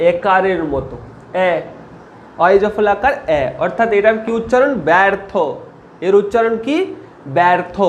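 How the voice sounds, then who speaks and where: A man teaching a spelling and pronunciation lesson, asking rhetorical questions and repeating each rule slowly as if for dictation. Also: high-pitched, roomy sound, a little hiss or hum.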